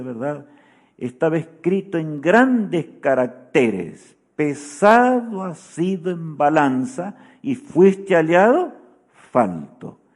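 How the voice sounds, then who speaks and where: A man's voice: mid-range voice, dark tone. A man preaching a sermon in a solemn teaching tone, often asking his listeners "¿verdad?" as he goes.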